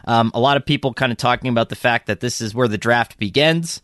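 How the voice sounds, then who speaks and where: A man's voice: medium pitch, fast, fairly bright tone, no echo, studio quality. A man co-hosting a sports podcast in a loose, rambling way, with frequent restarts. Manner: rambling, lots of ums and restarts. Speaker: podcast co-host. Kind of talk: casual sports podcast chat.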